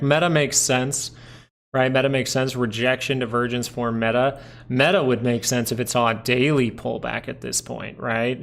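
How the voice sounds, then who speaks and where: Male livestream host, mid-pitched, chatty and informal, thinks aloud while reading charts. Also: fairly bright tone. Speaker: stock market livestream host. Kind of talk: casual live market commentary.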